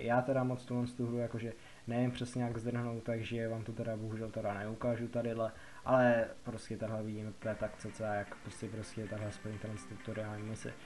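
A young adult Czech man hosts a gaming video, giving a casual tutorial in a mid-range, darkish voice. His explanations are rambling, repetitive, and colloquial.

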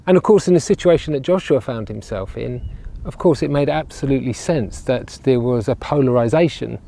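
The minister's mid-range voice is creaky yet mellow and fairly quick, with a little hiss or hum in the audio. Outdoors by sunlit castle ruins, he preaches earnestly to camera on a clip-on lapel mic, often repeating words as he builds a point.

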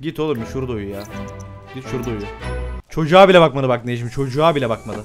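A young man giving excitable live commentary on a game, swearing often and laughing a lot. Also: medium pitch, fast talker, over music. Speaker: gameplay streamer.

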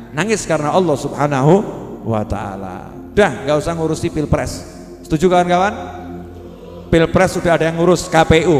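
Male preacher with a Javanese accent, folksy and joking, fairly high voice, roomy reverberant hall sound. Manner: folksy and humorous, mixing in Javanese words. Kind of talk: sermon. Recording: echoey hall with music.

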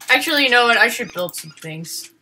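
A woman giving casual game commentary, swinging from panicked shrieks and swearing to low muttering. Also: expressive, fairly quick, pushed and bright. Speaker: gaming video host.

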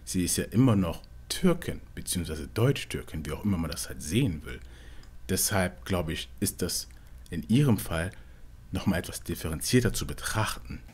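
Man, from Togo, panelist, very deep voice, husky, analytical. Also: animated, normal speed, a little mellow. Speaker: discussion panelist. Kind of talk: casual discussion.

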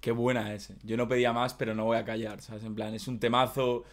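A Valencian man talks excitedly through a casual song reaction, repeating himself in slang. His voice sits at an everyday middle pitch. A loud music track plays behind him the whole time. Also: a little fast. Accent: Valencian Spanish. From Spain.

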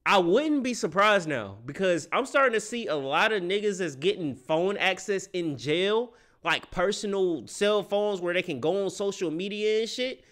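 Young man, slightly high voice, casual stream reaction, slangy and swearing, close desk mic, small home room. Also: animated, moderate pace, hardly any pauses, a bit bright. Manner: loose, wondering aloud, heavy slang and swearing. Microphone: close studio microphone on the desk.

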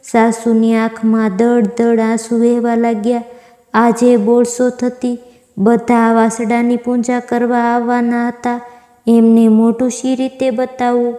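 A woman narrating a devotional fasting-day story in an even, recited manner. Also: on the high side. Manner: slow, even, recited delivery. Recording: echoey room with long reverb.

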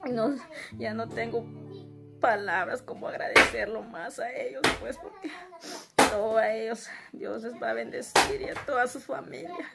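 Over loud music, a tearful Guatemalan woman, a struggling mother being interviewed, gives an emotional personal account in Guatemalan Spanish. Her fairly high, gravelly voice keeps a normal speed as she retells conversations in quoted speech.

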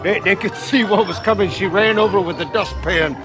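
This vlog host, a man in his forties, runs a casual food challenge on a busy street with music behind him. His voice sits high and moves a little fast, exclamatory but hesitant, and it's captured on a clip-on lapel mic outdoors.

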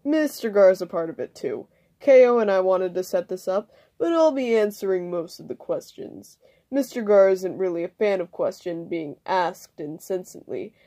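A woman's voice: medium pitch, mellow, close to an everyday voice. Radicles, a woman doing a cocky young alien hero. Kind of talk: amateur fan audio reading.

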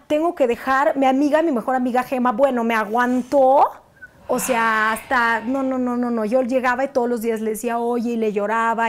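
A young adult woman, an actress as interview guest, telling a personal story in casual chat and acting out the quotes. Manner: animated, acts out quotes with sudden high bursts.

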